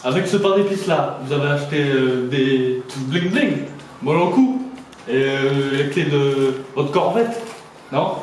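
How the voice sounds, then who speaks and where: A man's voice: fairly high pitch, expressive, measured pace. Casting: man as formal mock-documentary interviewer, courteous questions, recorded off-mic in a very reverberant room. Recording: very echoey, distant mic, faint noise.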